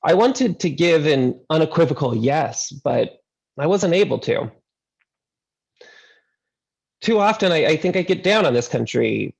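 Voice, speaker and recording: A man's voice: a little high, expressive, normal speed, creaky, a little mellow, husky, rough recording. A man preaching a sermon as a seminary intern, telling a story earnestly and often repeating a word as he starts a thought.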